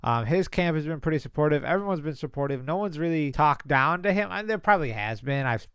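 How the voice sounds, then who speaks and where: Young male reaction host, casual and chatty, slightly higher voice, smooth and close to the mic with a dry sound. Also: lively intonation, quick pace, a bit bright, no room sound. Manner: chatty, laughs easily, restarts sentences. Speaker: boxing commentator reacting to a clip.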